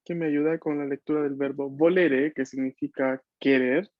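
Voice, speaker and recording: A man's voice: mid-range voice, steady tone, normal speed, dry recording. Man teaching an online language class. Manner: patient, checks understanding with frequent questions. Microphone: video call. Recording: dull, dry video-call audio.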